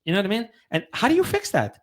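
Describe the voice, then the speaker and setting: A man co-hosting a podcast in casual chat, animated and swearing, repeating himself for emphasis. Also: sits high, fast. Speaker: podcast co-host.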